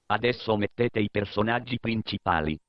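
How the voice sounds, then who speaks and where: A man's voice: lowish voice, moderate pace, dry recording. A man with a Sardinian accent narrating a scripted comedy course as a mock instructor, peppered with profane cursing. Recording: dull, lo-fi dry recording.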